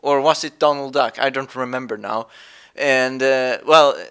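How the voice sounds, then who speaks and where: A native Swedish speaker from Sweden, with a Swedish accent, rambles through news commentary in a medium-pitched, smooth, slightly bright voice. His intonation is fairly even and his pace unhurried, and he meanders with many fillers and restarts.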